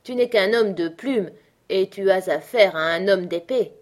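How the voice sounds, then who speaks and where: A woman's voice: mid-range voice, measured pace, lightly acted. A woman voicing a blustering, challenging notary in a storybook reading. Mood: warning.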